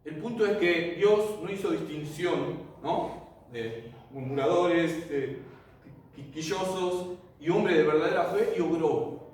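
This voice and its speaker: A man with a high voice leads a Bible lesson, telling the story vividly and checking in with rhetorical questions. He sounds far from the microphone, and his voice rings through a strongly echoing room. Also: measured pace, a little mellow, a little hiss or hum. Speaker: Bible teacher. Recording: echoey room, mic far off.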